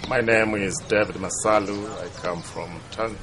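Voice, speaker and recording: Very deep-voiced Tanzanian man. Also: steady tone. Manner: halting, repeats words. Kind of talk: interview. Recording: noisy outdoor recording.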